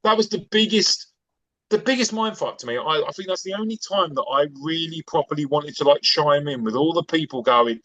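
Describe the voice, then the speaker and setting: A man's voice: on the high side, brisk, fairly bright tone, dry recording, poor audio. Rambling man in his forties. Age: 40s. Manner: rambling and enthusiastic, with many fillers. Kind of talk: casual chat.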